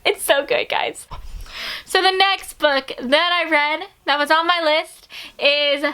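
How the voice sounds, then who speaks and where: A young woman vlogging casual book reviews, gushing and excitable, talking straight to her viewers, her voice a little worn. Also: high voice, slow. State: starting to lose her voice.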